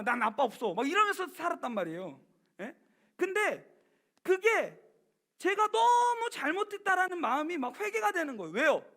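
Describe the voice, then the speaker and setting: A man in his thirties delivers a youth sermon in a church, his voice unusually high and bright. There is a gravelly edge under his words. He tells his story animatedly, swinging between loud emphasis and hushed, intimate moments. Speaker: pastor.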